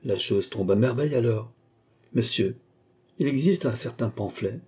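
An audiobook reader voicing a proud young chevalier who speaks in clipped, indignant lines while forcing himself to stay calm. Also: male voice, mid-range voice, normal speed, husky, natural voice. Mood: tense, indignant. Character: proud young chevalier, tense and barely controlled.

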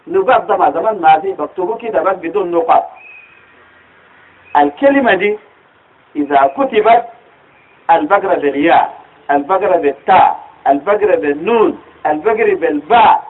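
A man's voice: sits high, breathy edge. A man with a Sudanese Arabic accent teaching a religious lesson, explaining step by step and asking rhetorical questions of his listeners. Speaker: teacher of Quranic studies. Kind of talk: religious lecture. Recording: tinny phone-like recording.

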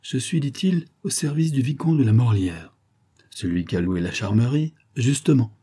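A man's voice: mid-range voice, expressive, normal speed, mellow, husky, voice pushed up. A man voicing a cunning young man who poses as a servant and speaks in a sly, insinuating way, in an audiobook. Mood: knowing.

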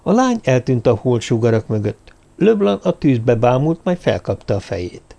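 Gravelly male audiobook narrator. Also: medium pitch, very animated, mellow.

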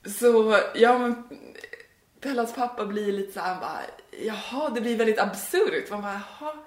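A woman's voice: medium pitch, roomy sound. A woman co-hosting a podcast, telling a spooky story in a rambling, giggly way with many fillers. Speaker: podcast co-host.

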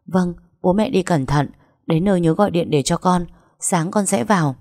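Một người phụ nữ đọc truyện lồng tiếng một cô con gái trẻ vừa khóc vừa nói lắp bắp. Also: female voice, on the low side, normal speed, a little mellow, no room sound, clean studio sound. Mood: tearful. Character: young daughter, tearful and panicked.

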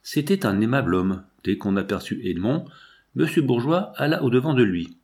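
A man reading a classic novel aloud as an audiobook, in a measured, emotive way with a shifting tone. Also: medium pitch, expressive, darkish tone. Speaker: audiobook reader. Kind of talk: scripted literary narration.

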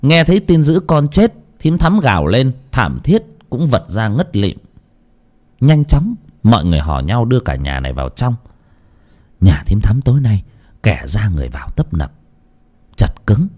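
A man telling a dramatic village story as narrator, animated and shifting into character voices. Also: fairly low pitch, normal speed.

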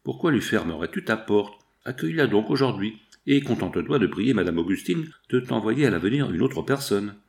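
A man reading the part of a guilty, scheming millionaire father in a storybook, speaking low and guarded. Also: animated, brisk, creaky, few pauses. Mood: hushed. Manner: hushed, guarded.

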